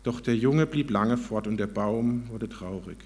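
A man reading a story aloud to an audience within a talk, calm and measured. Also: lowish voice.

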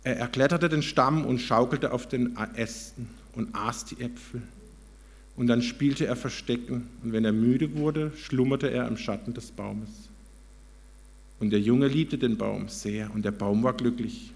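A man narrates a children's story aloud to an audience in a calm, measured way. His mid-pitched voice carries a noticeable gravelly fry. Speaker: speaker reading a story to an audience. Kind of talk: storybook reading within a talk.

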